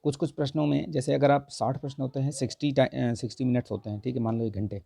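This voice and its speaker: A hoarse man works through exam answers in a Hindi grammar lesson, checking each option and dropping in "okay" after nearly every line. His voice is dark and gravelly from a sore throat. It is recorded close and dry, with no room sound. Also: medium pitch, steady tone, fast talker, dry recording. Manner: repeats "theek hai" constantly, corrects answers with mild humor. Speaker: exam prep teacher.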